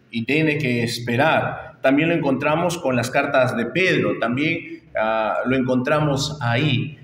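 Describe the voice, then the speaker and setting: A man's voice: medium pitch, fairly bright tone. A middle-aged man preaching an expository sermon as pastor, emphatic and repeating phrases as he stresses each point. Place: church sanctuary. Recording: echoey church hall with long reverb.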